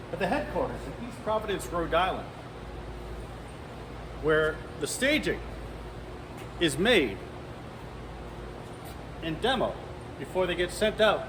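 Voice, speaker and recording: High-voiced male field reporter amid noise. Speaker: on-location video reporter. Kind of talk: on-location presenting and interviewing. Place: on location. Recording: noisy location sound, vehicle noise.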